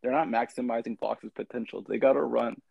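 A man's voice: medium pitch, fairly even intonation, fairly quick, creaky, breathy edge, dry recording, highs cut off. A man co-hosting a casual sports podcast, talking in a loose, rambling way. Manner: loose and rambling, frequent restarts. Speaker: podcast co-host.

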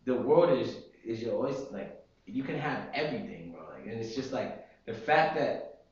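A man's voice: mid-range voice, very animated, normal speed, darkish tone, lo-fi sound. Laid-back young man, echoey room. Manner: laid-back, opinionated, explains with slang. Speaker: podcast co-host. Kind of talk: casual chat.

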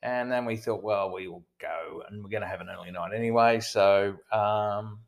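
A man co-hosting a travel podcast, speaking in halting bursts with many fillers. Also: fairly low pitch. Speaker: podcast co-host. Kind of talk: casual travel chat.

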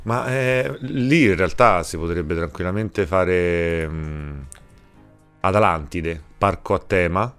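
A man with a low, resonant voice chats casually as a comedy co-host. His banter is clean and smooth, with faint music underneath. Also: takes it slowly, a bit bright.

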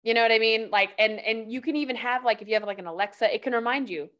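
A woman's voice: fairly high pitch, fast, fairly bright tone. A woman guest on a podcast, talking casually with lots of filler words as she shares life tips. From California. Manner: chatty, loose, heavy on "like" fillers. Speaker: guest, life-hacks coach.

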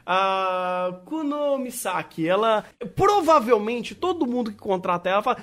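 A podcast co-host, talking in a rambling, animated way and swearing freely in casual chat. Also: mid-range voice, measured pace.

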